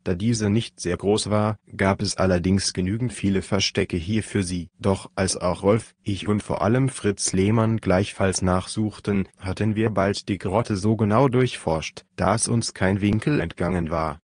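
Low-voiced male narrator, steady first-person storytelling, dry close sound. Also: unhurried, few pauses, no echo. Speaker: audiobook narrator.

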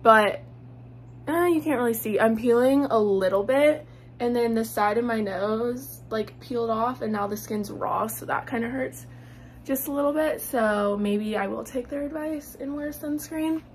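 A woman's voice: a little high, a little slow, a little hiss or hum. A young woman, chatting casually to camera in a vlog, upbeat and full of "like". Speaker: vlogger.

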